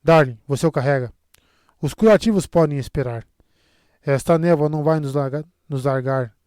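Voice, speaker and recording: A man with a Brazilian Portuguese accent voicing a gruff, commanding older woman healer who barks brusque orders in an audiobook. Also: a little high, moderate pace, darkish tone, no room sound, studio quality, close to an everyday voice. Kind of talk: audiobook character reading.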